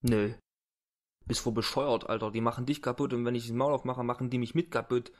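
A man's voice: medium pitch, fairly even intonation, a little fast, natural voice. A man voicing a frightened, crude male barkeeper who blusters and begs in street slang. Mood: pleading. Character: frightened thuggish male barkeeper, half-blind.

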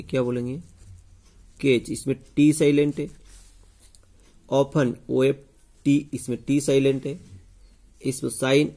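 A man's voice: mid-range voice, creaky, darkish tone. A male teacher going over test answers, often asking the class a question and then giving the answer himself. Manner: repeats key points as questions to the class. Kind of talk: explaining test answers to students.

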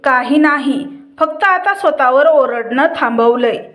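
A calm, inward-looking wife speaks in a high, unhurried voice, as a woman narrator gives her lines. She sounds gentle and thoughtful, as if she were asking herself the question. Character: tired middle-class wife, quiet, reflective.

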